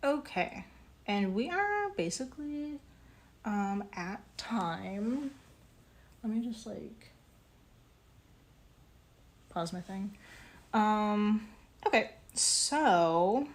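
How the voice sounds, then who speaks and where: A woman streaming her pottery work, chatting casually in a halting way, full of fillers and small laughs. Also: mid-range voice, expressive. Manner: halting, many ums and likes, laughs easily. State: hiccuping. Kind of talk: casual live-stream chat while working.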